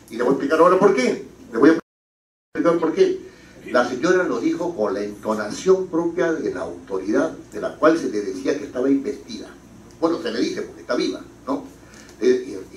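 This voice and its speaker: Lively male lecturer in an echoey hall. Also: mid-range voice, far from the mic, slight background noise. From Peru. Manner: lively, rhetorical questions, anecdotes. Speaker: parliamentary writing instructor. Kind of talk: classroom lecture.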